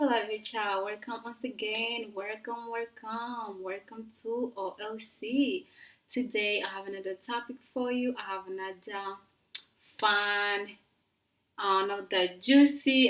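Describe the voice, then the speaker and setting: A woman's voice: medium pitch, fairly bright tone. A young woman from East Africa talking casually to her viewers, rambling with many restarts and fillers. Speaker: vlogger. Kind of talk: casual talk to camera. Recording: roomy sound from a distance.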